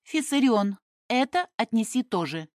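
A woman's voice: fairly high pitch, sing-song, unhurried, no room sound, clean studio sound, voice pushed up. A woman reading an audiobook and voicing a cold, stubborn Roman noblewoman who talks in curt, scornful commands. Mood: aloof.

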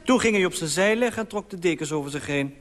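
Deadpan man telling a comic story. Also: sits high, quick pace, big-room sound. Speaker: comic monologuist.

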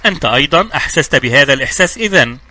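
Male narrator voicing a frightened young woman, anxious and wary, bright brisk audiobook voice. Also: a little high, animated, no echo. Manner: anxious, pleading. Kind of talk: audiobook dialogue reading.

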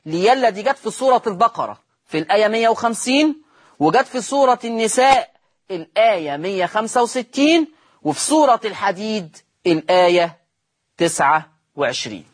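A man with an Egyptian accent teaching Quran recitation rules on a televised lesson, repeating each rule slowly and quizzing his listeners. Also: high voice, breathy edge. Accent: Egyptian Arabic.

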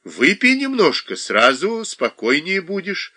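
A man reading aloud, voicing a rough older local man who speaks in broken, ungrammatical sentences. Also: high voice, huge pitch swings, a little slow, sharp tone, voice pushed up, exaggerated voice. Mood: coaxing. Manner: ungrammatical, pleading.

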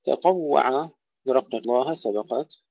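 A man teaching Quran recitation, who recites phrases slowly and loudly and then explains each rule in a plain teaching voice. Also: medium pitch, gravelly, no room sound. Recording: dull, dry lo-fi recording.

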